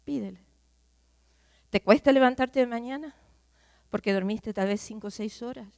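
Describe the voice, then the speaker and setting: A woman preaching a sermon, questioning her listeners directly and swinging from loud outbursts to hushed, near-whispered lines. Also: a little high, moderate pace, vocal fry, no room sound. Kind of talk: sermon to a congregation.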